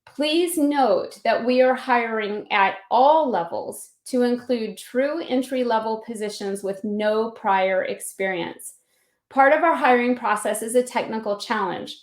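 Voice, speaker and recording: A woman working as a recruiter reads a scripted, salesy hiring pitch in a polished way. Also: a little slow. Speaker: company recruiter giving a pitch. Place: indoor room on an online video call. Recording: roomy echo on the voice.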